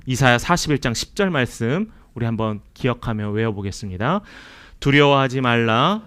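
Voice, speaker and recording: A man's voice: mid-range voice, expressive, fairly quick, a bit bright. A man preaching a Sunday sermon as pastor, earnest, asking his congregation questions and acting out quoted lines. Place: church sanctuary.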